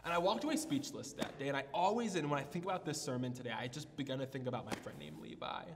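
A man's voice: medium pitch, fast talker, vocal fry, big-room sound, a little hiss or hum. A man preaching a sermon as pastor, telling a personal story with many restarts and fillers. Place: church hall.

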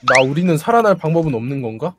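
An excitable gamer chatting casually with friends during a horror game, often repeating phrases urgently. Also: mid-range voice, quick pace, noisy background. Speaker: video game player. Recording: loud music over the voice.

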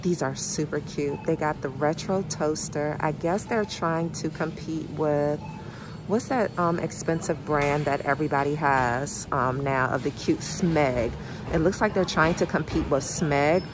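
A woman's voice: low voice, unhurried, background noise. Chatty woman vlogging in a grocery store. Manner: chatty, excitable, addresses viewers as y'all. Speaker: vlogger and therapist. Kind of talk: casual shop-with-me vlog.

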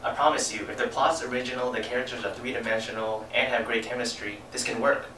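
A man's voice: medium pitch, fairly even intonation, fast. A young man acting in an amateur student skit as a frustrated actor at an audition. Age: young adult. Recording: roomy, distant, faint noise.

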